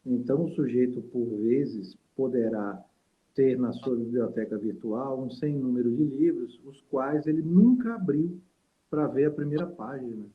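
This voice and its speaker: A man from Salvador, Brazil, a saxophonist and teacher appearing as a guest, tells stories in a casual interview over a video call. His mid-range voice moves at a moderate pace, rambling and reflective with many fillers, and the call audio is tinny.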